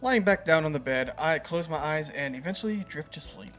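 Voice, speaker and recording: A man's voice: a little high, expressive, a little fast, loud music behind the voice. A man reading a visual novel game aloud as a gaming host, playful and chuckling at the story.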